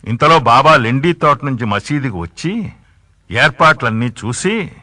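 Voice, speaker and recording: A man narrating a devotional story in a steady storytelling voice. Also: medium pitch, normal speed, no echo, clean studio sound. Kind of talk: scripted narration.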